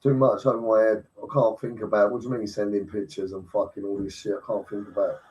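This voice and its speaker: A man's voice: fairly low pitch, little pitch movement, quick pace, darkish tone, far from the mic, dull audio, lightly acted. A man mimicking an overwhelmed, dismissive man who refuses to understand, in a whiny, exasperated tone. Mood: mocking.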